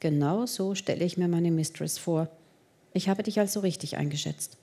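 A woman's voice: lowish voice, normal speed, mellow. A woman reading the lines of an earnest young man who pleads and persuades in an audiobook romance. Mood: persuasive.

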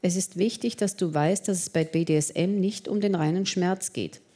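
A woman's voice: fairly low pitch, normal speed, dark tone, lightly acted. A woman reading the lines of an earnest young man who pleads and persuades in an audiobook romance. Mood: pleading.

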